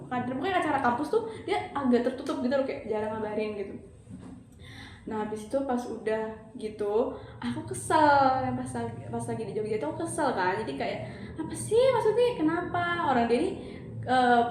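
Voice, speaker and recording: A young adult woman telling a counselor a personal story in a casual, animated way, acting out quoted dialogue with lots of fillers. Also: on the high side, a little fast. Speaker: counseling client. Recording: very echoey room with faint background noise.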